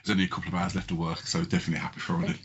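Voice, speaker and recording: A man hosting a podcast, opening the episode in a quick, breezy casual chat. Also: low-pitched, little pitch movement, dull audio, a little hiss or hum. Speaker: podcast host.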